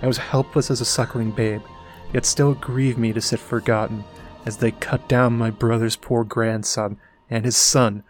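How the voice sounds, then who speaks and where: A man voicing an ancient, blind, frail old male maester, speaking slowly and gravely over faint music. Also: medium pitch, flat delivery, lightly acted. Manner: slow, grave, sorrowful delivery.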